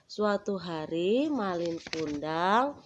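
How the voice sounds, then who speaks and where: A woman telling a folktale to her small child in a simple, slow storytelling manner at home. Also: lowish voice, expressive. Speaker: parent reading to a child. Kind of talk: bedtime story narration. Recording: dull recording with faint noise.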